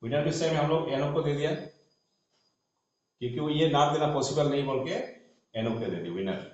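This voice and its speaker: A man explaining shorthand in a classroom, spelling out letters as he writes and often trailing off softly. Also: fairly high pitch, moderate pace. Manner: talks while writing on a board, spells letters aloud, trails off softly. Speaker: shorthand teacher. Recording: echoey dull room recording.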